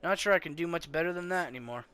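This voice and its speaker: A man voicing a battered, weary warrior trainer who talks gruffly and plainly. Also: fairly high pitch, very fast, pushed and bright.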